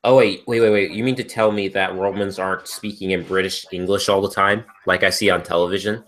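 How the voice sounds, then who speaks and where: In a low-quality recording, a man with a deep, fairly bright voice speaks briskly in a steady tone. He's a co-host on a casual stream, chatting at length and circling back over the same point repeatedly.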